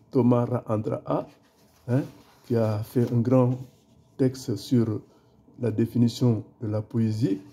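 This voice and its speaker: A middle-aged man talking through a school play booklet, halting often with fillers and repeated words. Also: medium pitch, warm tone, breathy edge. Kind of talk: casual spoken presentation.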